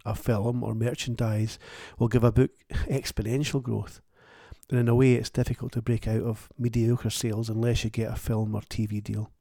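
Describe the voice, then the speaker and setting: Gravelly man, wry monologue. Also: medium pitch, level tone, moderate pace, mellow, no echo, studio quality. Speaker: author and podcast host. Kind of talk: reflective solo monologue.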